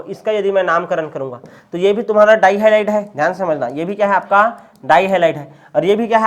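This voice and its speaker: A man with a high voice teaching a chemistry lesson in a casual, folksy way. He keeps quizzing his students and repeats each answer for them. His delivery is a conversational classroom lecture.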